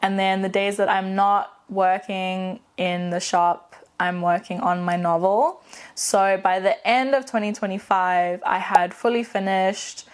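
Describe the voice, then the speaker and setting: A South African woman in her late twenties, a vlogger and aspiring novelist, talks candidly in a casual personal vlog; her accent carries British and American traces. Her mid-range, clear, resonant voice is steady and a little slow, and she's chatty, with frequent fillers and self-corrections.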